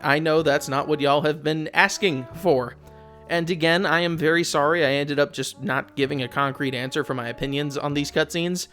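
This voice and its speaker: A man with a slightly high, fairly bright voice talks at normal speed with fairly even intonation over soft background music. As a video essayist and host, he delivers blunt, sardonic, casually profane game commentary, opinionated and conversational, from a casual script with asides.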